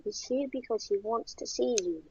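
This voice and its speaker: A storyteller voicing a weary mother who speaks flatly, trying to sound steady. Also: medium pitch, moderate pace, slightly rough, dry recording, pitched above the performer's own voice. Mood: pleading. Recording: dull lo-fi with faint noise.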